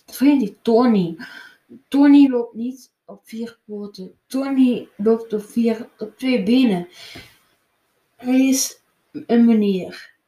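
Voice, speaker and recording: A woman reading a children's picture book aloud, slowly and with small slips and restarts. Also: fairly high pitch, warm tone, reverberant. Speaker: storybook reader.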